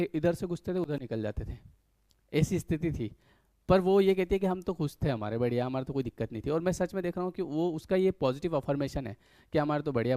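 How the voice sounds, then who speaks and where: A man's voice: a little high, darkish tone, no echo. A man giving a conversational motivational spiritual talk, earnest, full of rhetorical questions and little acted-out quotes.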